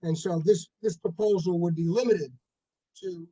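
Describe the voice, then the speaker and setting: A man speaks over a video call, his mellow, darkish voice explaining regulations in a halting way. His audio keeps cutting in and out, so the volume rises and drops unevenly. He repeats words as he goes. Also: high voice, steady tone, poor audio. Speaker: staff planner presenting a zoning text change. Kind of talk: explaining regulations at a public meeting.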